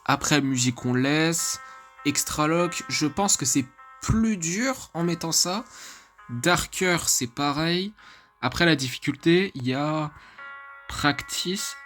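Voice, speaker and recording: A man's voice: a little high, lively intonation, slow, a bit bright, faint music behind. A man casually commentating a horror video game, chatty, swearing and laughing at his own mistakes. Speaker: gaming YouTuber.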